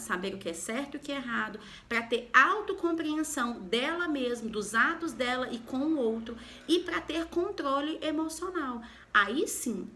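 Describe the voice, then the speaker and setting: Woman, from Goiânia, high-pitched, emotional health coach, direct, rhetorical questions, motivational talk. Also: bright, forceful tone. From Goiânia, Brazil. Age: adult, mother of a daughter.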